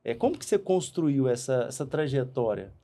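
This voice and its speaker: A man from Brazil hosting a casual podcast chat, talking in animated quick bursts and often repeating words. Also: medium pitch, creaky. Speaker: podcast host.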